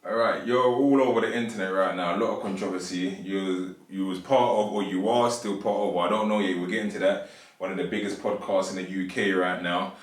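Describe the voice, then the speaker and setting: A man's voice: low-pitched, steady tone, brisk, few pauses. A man hosting a podcast and asking his guest easygoing questions. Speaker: podcast host. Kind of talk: casual interview chat. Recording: echoey room, mic at a distance.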